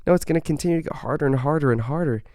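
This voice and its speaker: Telling a personal story on his faith podcast, a young host speaks in an earnest, conversational way, often asking "right?" and laughing softly as he offers testimony and encouragement. His voice is a little high and rapid-fire, in clean studio sound with no room sound.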